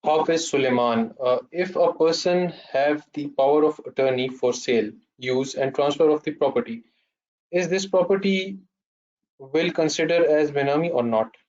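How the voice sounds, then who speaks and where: A man's voice: a little high, normal speed, a little mellow, slight background noise. A man with a Pakistani accent reading audience questions aloud as moderator of an online session. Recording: slightly muffled online call audio.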